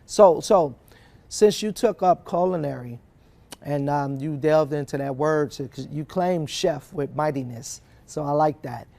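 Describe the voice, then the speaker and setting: A man's voice: on the high side, measured pace, creaky, a little mellow. A man hosting an interview, affirming his guest and often repeating phrases. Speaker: host.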